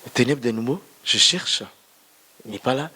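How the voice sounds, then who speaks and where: Here a man's mid-range voice comes through bright, forceful, and slightly rough at a moderate pace. He's a pastor with a non-French mother tongue, narrating his testimony in a church sermon and addressing his listeners directly.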